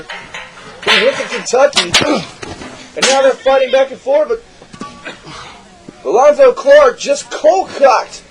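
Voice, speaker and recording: A man calling a wrestling match play-by-play, excitable and shouting at big moves, losing his voice. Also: very high-pitched, low-quality recording. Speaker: wrestling commentator.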